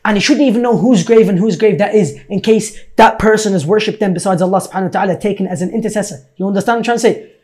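A man's voice: high voice, racing, a little mellow. A man hosting a casual podcast, speaking emphatically, repeating himself and checking that he is understood. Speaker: podcast host. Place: small living room, seated at a table. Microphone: boom-arm podcast microphone.

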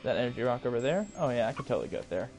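A man hosting his own gaming channel, talking through a playthrough in casual commentary, muttering to himself and then yelling and cursing in frustration. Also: mid-range voice, big pitch swings, very fast, soft background music. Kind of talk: casual let's play commentary.

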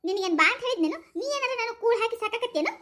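A brash young village woman , as a woman puts her on snaps back in shrill, mocking bursts with a North Karnataka Kannada accent. She talks very high and fast. It is a rustic comedy sketch. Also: expressive, a bit bright. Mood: defiant. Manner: shrill, mocking, laughing retorts.

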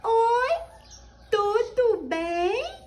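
A cheerful little girl puppet chirps in a very high, slow, sing-song voice, as a woman puts her on. She sounds delighted and childlike. The tone is bright and bouncing. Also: very animated, heavily acted.

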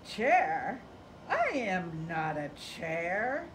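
A woman voicing a flustered male giraffe who keeps being mistaken for a chair, reading him aloud from a picture book in an indignant, drawn-out way. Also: on the low side, big pitch swings, exaggerated voice. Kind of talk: storybook read-aloud. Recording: distant mic with background noise.

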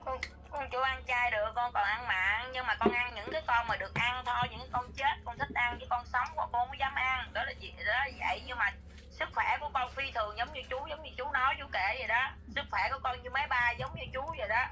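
Woman, rapid, effusive, noisy outdoor recording. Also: a little high, sharp tone. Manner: eager, effusive, repetitive. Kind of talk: casual conversation.

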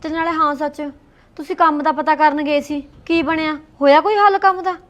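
A woman playing a dutiful young married woman who talks quickly and pleads her case. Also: high-pitched, steady tone, fairly bright tone. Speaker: daughter-in-law. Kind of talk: short film acting.

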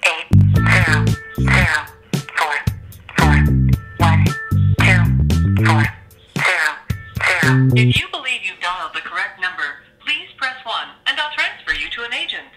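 A woman's voice: on the low side, wildly swooping pitch, unhurried, pauses often, bright, forceful tone, faint music behind, exaggerated voice. A woman's voice heard over a phone line, giving a polite scripted operator message.

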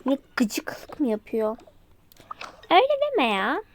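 A woman's voice: high-pitched, wildly swooping pitch, takes it slowly, noisy background. A woman narrating a toy role-play, voicing several characters in playful dialogue. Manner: switches between character voices in playful dialogue.

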